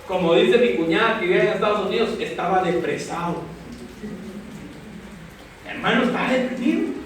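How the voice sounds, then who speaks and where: High-voiced pastor in an echoey hall. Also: male voice, normal speed, far from the mic, slight background noise. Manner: emotional storytelling, voice climbing high and shouting in places. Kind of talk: sermon. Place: church hall. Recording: echoey church hall, from the mic.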